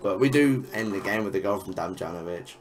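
A man's voice: low-pitched, expressive, a little hiss or hum. Young man, sweary gaming commentary. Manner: frustrated, swearing, quick exclamations. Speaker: gaming YouTuber. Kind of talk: casual gameplay commentary.

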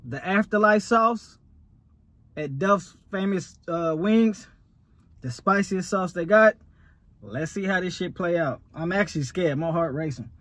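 A man in his thirties with a high, bright voice talks casually to his phone camera. He uses plenty of slang and curses, sitting inside a parked truck. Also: unhurried, no room sound. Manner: slangy, swearing freely. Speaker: food challenge vlogger.

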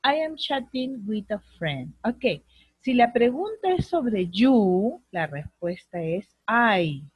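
Slow, husky woman teacher. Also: fairly high pitch, big pitch swings, no echo, rough recording. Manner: slow, patient explaining with drawn-out English examples. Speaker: English teacher. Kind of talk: online class lesson.

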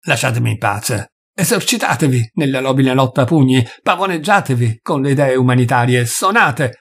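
A man voicing a furious, grieving male doctor who shouts and hammers out each word, with a husky voice. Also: medium pitch, expressive, a little fast.

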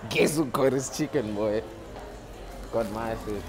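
A young adult man shoots a casual selfie vlog, joking, swaggering and mocking himself in street slang, speaking at medium pitch and a little slowly. He walks city streets and goes into a shop, talking into a wired earphone mic with the phone held from below. Loud traffic noise fills the recording.

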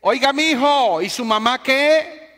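Preacher guy doing a loud deaf old man on a bus, high and booming, big hall echo. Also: animated, takes it slowly, heavily acted. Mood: booming, curious. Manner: booming, nosy questions.

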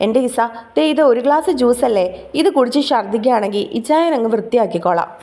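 A woman's voice: a little high, lively intonation, fast talker, warm tone, close to an everyday voice. A woman voicing a doting, fussy young husband. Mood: coaxing.

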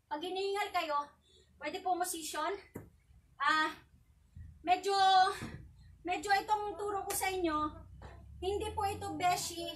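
A woman vlogger teaching a casual self-defense lesson, out of breath, chatty and laughing, with sharp counted shouts. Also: extremely high pitch. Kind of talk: casual live tutorial with counted drills. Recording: voice distant from the mic.

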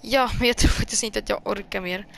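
A woman's voice: medium pitch, creaky, fairly bright tone, slight background noise. A woman hosting a gaming channel, giving casual let's play commentary while jumpy and easily scared, talking to the game characters as she plays.

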